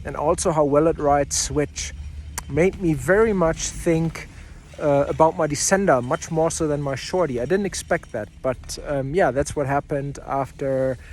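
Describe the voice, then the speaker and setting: A man with a slightly high voice records a casual review outdoors on the ski hill. He talks off the cuff and pauses to think as he goes, piecing his assessment together in short phrases. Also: darkish tone, slight background noise. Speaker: snowboard reviewer. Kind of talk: casual vlog gear review, talking off the cuff. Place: outdoors at a ski area, partly on a chairlift.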